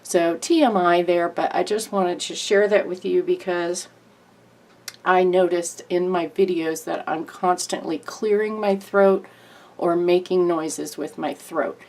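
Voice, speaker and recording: A woman's voice: on the low side, steady tone, unhurried, a little mellow. A woman who makes craft videos, giving a candid, earnest and rambling personal update to her viewers in a nasal, congested voice. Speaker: YouTube crafter and artist.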